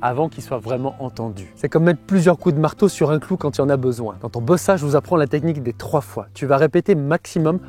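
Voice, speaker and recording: A man with a fairly high voice coaches on self-assertion outdoors and throws a stick to his dog. He is chatty, laughs often and explains calmly, with faint music underneath. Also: fast talker, hardly any pauses. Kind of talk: coaching lesson mixed with playing with his dog.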